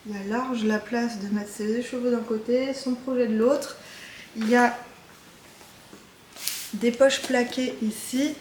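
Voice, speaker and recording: A woman's voice: on the high side, darkish tone, echoey room, slight background noise. A woman chatting casually as she shows her knitting projects, talking in a loose, hesitant way with frequent filler sounds. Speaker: knitting vlogger. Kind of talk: casual show-and-tell chat.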